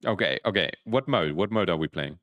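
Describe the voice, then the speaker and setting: A man's voice: sits low, animated, a little fast, no echo, highs cut off. A man in his twenties chatting casually on a livestream, rambling with restarts while explaining game rules. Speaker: streamer, PhD student.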